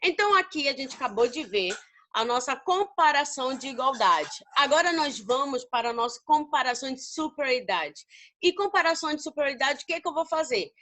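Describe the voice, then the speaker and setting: A Brazilian woman teaches English grammar in a high, bright voice. She speaks to her class with affection and calls them babies. She keeps asking questions and answering them herself. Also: animated, fairly quick. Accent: Brazilian Portuguese. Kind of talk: recorded grammar lesson.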